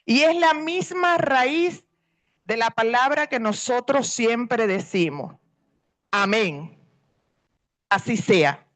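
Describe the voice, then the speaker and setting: A woman's voice: a little high, expressive, takes it slowly, pauses often, a bit bright. A middle-aged woman pastor, preaching a sermon earnestly and stretching out key words for emphasis.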